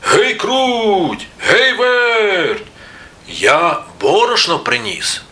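A man's voice: on the high side, very animated, slow, sharp tone, voice pushed up, exaggerated voice. A man voicing a hardworking, patient rooster in a storybook tale, calling out and coaxing.

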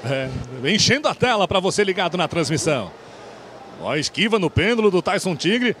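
Male play-by-play boxing commentator, excited and projected, very high pitch, faint arena noise. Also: brisk. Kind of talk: live boxing broadcast commentary.

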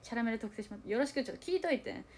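A young woman chats on a livestream with a fairly high, very animated voice. She talks quickly and keeps dipping into changed voices to act out small quoted moments, while running herself down in a confiding, chatty way. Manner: self-deprecating, chatty and confiding. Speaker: idol group member streaming live. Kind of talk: casual livestream chat reading viewer comments.

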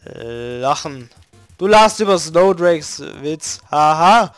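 High-voiced man casually playing a game. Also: takes it slowly, smooth, no room sound. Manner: relaxed, swearing, mumbling asides. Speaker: let's play host. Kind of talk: casual gaming commentary reading game text. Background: faint video game music.

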